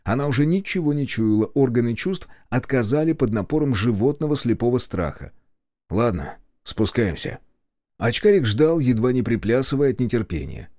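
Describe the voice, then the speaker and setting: A man narrating a horror audiobook in an expressive, suspenseful manner. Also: medium pitch, fairly quick, few pauses, no room sound, clean studio sound.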